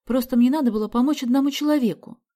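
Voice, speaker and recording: A woman's voice: high voice, quick pace, mellow, voice pushed up. A woman voicing a determined schoolgirl who earnestly explains herself to her parents.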